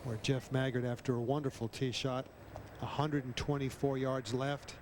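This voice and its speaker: A man's voice: mid-range voice, little pitch movement, moderate pace. A man working as a golf commentator, calling shots live on a television broadcast. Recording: noisy outdoor broadcast on VHS tape.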